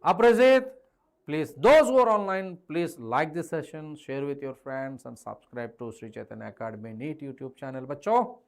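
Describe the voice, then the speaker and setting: A man's voice: fairly high pitch, fairly quick. A man with an Indian accent lecturing in a live online class, emphatic and repeating key phrases, mixing English with Hindi. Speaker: chemistry teacher.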